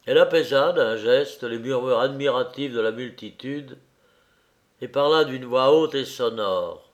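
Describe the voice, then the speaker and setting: A man reads a story aloud in a measured, deliberate manner, taking his time over every phrase. His voice sits at an ordinary middle pitch. The pace is slow and unhurried throughout. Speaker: narrator. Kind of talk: scripted storybook narration.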